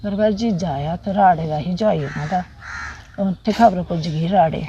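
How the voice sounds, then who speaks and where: In dull audio with slight background noise, a middle-aged soldier's widow from the Jammu region talks about what she remembers, her Punjabi accent clear. Her voice is on the low side and dark in tone, and her speech is plain, halting, and full of repeated phrases.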